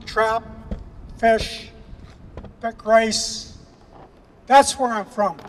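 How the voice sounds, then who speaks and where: A man from Canada delivering an impassioned speech at an outdoor rally, emphatic and repetitive, slowing down to stress key phrases. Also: extremely high pitch, big-room sound, slight background noise. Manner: emphatic, repetitive, with slow weighty pauses. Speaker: rally speaker.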